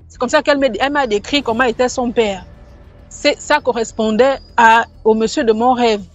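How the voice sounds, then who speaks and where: A woman with a high-pitched voice tells a personal story in a loose, conversational way. She circles back, restarts her sentences and repeats words as she goes. The recording is a little dull, with faint music playing underneath. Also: fairly even intonation, normal speed. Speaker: storyteller sharing a personal testimony. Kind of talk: casual first-person storytelling. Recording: slightly muffled, faint background music.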